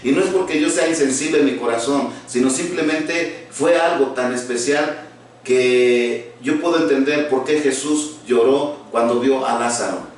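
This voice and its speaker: A man preaching as a pastor, earnest and halting, with many restarts and fillers. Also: medium pitch, a little hiss or hum. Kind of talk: sermon. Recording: very echoey room, voice from far off.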